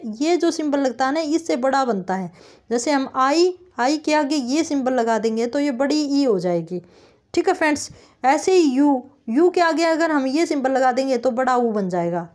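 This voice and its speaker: Woman, high voice, teacher, online lesson, step-by-step explaining, slow drawn-out example words. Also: a little mellow. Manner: explains step by step, often says "thik hai friends"; draws out example words slowly. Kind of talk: online lesson on phonetic transcription.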